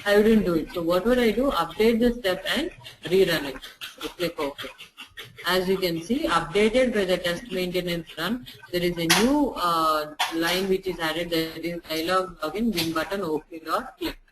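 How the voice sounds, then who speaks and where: A software testing instructor walks through a screen-share tutorial, repeating each step slowly so it is clear. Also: mid-range voice, background noise. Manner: repeats phrases slowly for clarity.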